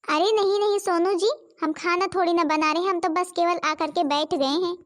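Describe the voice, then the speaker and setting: A woman voicing a sweet, newly married young daughter-in-law in a cartoon, polite and gentle. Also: very high-pitched, fairly even intonation, moderate pace.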